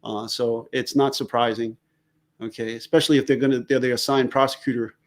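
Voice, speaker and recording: A man's voice: mid-range voice, little pitch movement, brisk. A man, chatting casually as a forensics guest on a live stream and joking about place names. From New York. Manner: jokey, riffs on place names.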